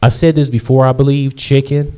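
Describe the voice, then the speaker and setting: Faint music plays behind a Michigan man in his late twenties as he answers viewer questions in a casual Q&A vlog. His medium-pitched voice is mellow and clean, delivered flatly and fairly quickly, with rambling talk full of ums and restarts.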